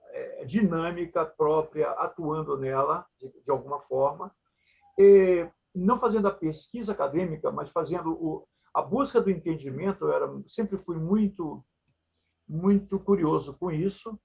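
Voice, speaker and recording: An older Brazilian man with a Maranhão accent rambles through his memories in a casual interview. His voice is gravelly and husky, pitched a little high. He is blunt and playful, and the recording sounds dull and lo-fi. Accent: Maranhão Brazilian Portuguese. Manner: blunt, joking, earthy and digressive. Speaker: puppeteer and researcher, guest.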